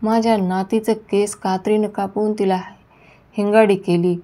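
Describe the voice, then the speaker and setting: A woman's voice: medium pitch, flat delivery, moderate pace, warm tone, lightly acted. A woman voicing a stooped old village grandmother who scolds shrilly and makes demands. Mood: furious.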